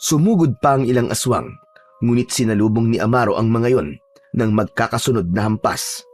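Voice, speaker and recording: Male horror narrator, steady read, breathy tone, medium pitch. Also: fairly quick. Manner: steady storytelling.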